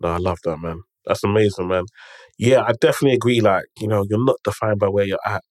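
Pitched on the low side, this man is a fast talker, captured in a dry, studio-quality recording. Storytelling and motivational advice come out in an emphatic, conversational London roadman accent thick with urban multicultural slang, with repeated phrases and frequent check-ins to the listener.

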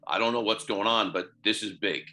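Bright, forceful low-pitched man. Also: brisk. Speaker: firefighter interviewee. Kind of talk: first-person interview storytelling.

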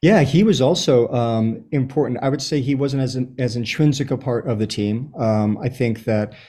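This man in his fifties has an American accent and a mellow, mid-range voice. Born in Chile and based in Los Angeles, he is a soccer writer and fan giving reflective interview answers in a halting, thoughtful, story-driven way.

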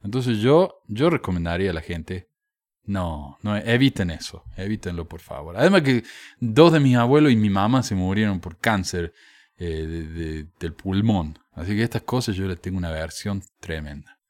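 A man's voice: low voice, lively intonation, normal speed, a little mellow, no room sound, clean studio sound. A man giving casual, frank commentary with a sardonic edge, hesitating and restarting as he talks. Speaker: commentator on religious texts.

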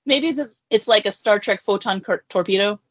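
A woman's voice: mid-range voice, moderate pace, no room sound. A woman co-hosting a podcast, chatting casually and joking about a film. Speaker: podcast co-host. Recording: dry, slightly dull audio.

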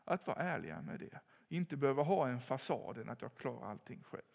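A man giving a sermon in a calm, reflective way, with pauses and rising emphasis. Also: medium pitch, gravelly. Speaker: preacher. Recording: long hall reverb.

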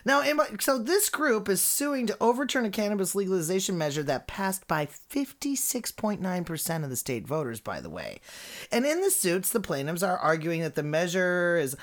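A woman's voice: fairly low pitch, normal speed. A woman co-hosting a podcast in casual chat, laughing often and swearing freely. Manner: giggly, animated, swears freely. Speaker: podcast co-host.

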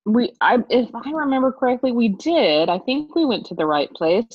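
A woman chats casually as a co-host, her pitch moving freely. The recording is dry and a little dull. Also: very animated, normal speed, husky, no echo. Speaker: podcast co-host. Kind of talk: casual chat.

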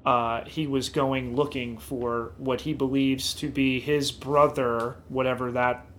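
A man's voice: medium pitch, level tone, unhurried, a bit bright, a little hiss or hum. Man in a mid-range voice rambling on a podcast. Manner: rambling, enthusiastic run-on sentences. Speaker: podcast co-host. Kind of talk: casual podcast discussion.

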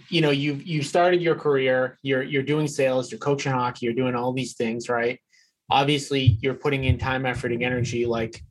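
Man, interview host, average pitch, casual chatty questions, loose phrasing. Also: low-quality recording.

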